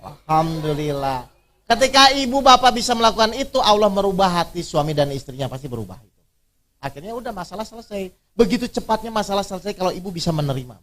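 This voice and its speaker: An Islamic preacher leads an interactive religious workshop in a high, bright voice, quizzing his audience with constant questions. His style is conversational and teasing, built on plain everyday examples.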